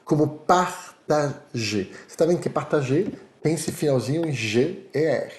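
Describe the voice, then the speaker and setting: A man's voice: on the high side, a little fast, roomy sound, slight background noise. A man from Paris with a French accent, teaching a French lesson in Portuguese and often checking in with "tá?". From Paris, France. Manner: animated, repeats "tá?" to check understanding. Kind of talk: online language lesson.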